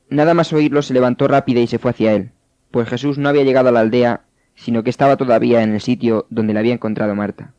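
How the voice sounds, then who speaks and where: A man narrating scripture in a steady, measured way. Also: mid-range voice, dry recording. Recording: dull, dry studio sound.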